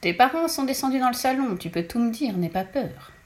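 A woman voicing a gentle male doctor who speaks in a soothing, reassuring way. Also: a little high, expressive, fairly quick, pitched above the performer's own voice, lightly acted. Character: calm, kindly family doctor, man.

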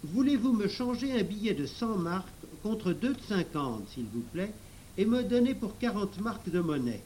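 An obsequious grown-up thief, smarmy and falsely calm, as a male reader voices him. His lively, raised tone protests innocence in a storybook reading. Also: sits high, moderate pace, a little hiss or hum, voice pushed up. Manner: obsequious, feigned indifference. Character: smooth, lying adult male thief.

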